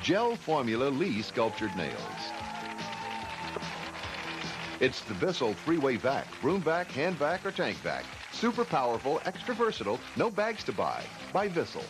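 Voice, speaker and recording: A man's voice: mid-range voice, huge pitch swings, unhurried, poor audio. An American man announcing game show prize plugs in a punchy salesman delivery. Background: music.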